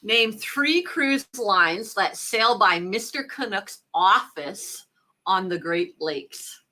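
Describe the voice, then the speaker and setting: A woman from Newfoundland co-hosting a live trivia stream, cheerful and quick to laugh. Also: medium pitch, expressive, sharp tone. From Newfoundland, Canada. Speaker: co-host.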